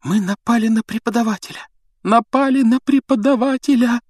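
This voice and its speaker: A man voicing an anxious, clever teenage girl in a shrill, panicky voice. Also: very animated, unhurried, no room sound, studio quality, full character voice. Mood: frightened.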